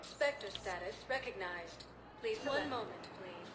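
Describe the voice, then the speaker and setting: A woman voicing a calm female transit computer that gives even, polite automated announcements. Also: mid-range voice, a little slow, a loud crowd, natural voice. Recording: roomy game audio with music behind.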